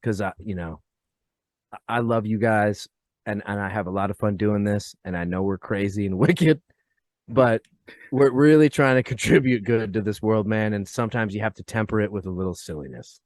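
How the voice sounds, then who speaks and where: A man speaking as a guest on a podcast, animated, ranty and profane in casual chat. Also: fairly low pitch, moderate pace, no room sound.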